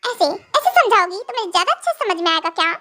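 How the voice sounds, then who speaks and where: A woman's voice: very high-pitched, big pitch swings, quick pace, sharp tone, full character voice. A woman voicing a stern, possessive young husband in a fan audio drama, scolding and then coaxing.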